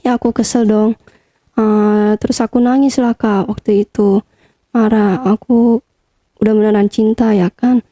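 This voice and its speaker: A woman's voice: medium pitch, steady tone, a little slow, long pauses, dark tone, dry recording. A young woman being interviewed, telling a personal story casually, with lots of hesitant fillers. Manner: chatty, hesitant with many fillers. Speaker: interview guest.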